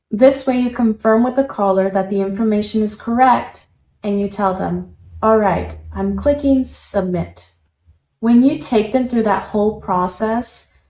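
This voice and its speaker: A woman giving an instructional lesson as a call center English trainer, explaining clearly step by step with example phrases. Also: mid-range voice, a little mellow. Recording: roomy echo.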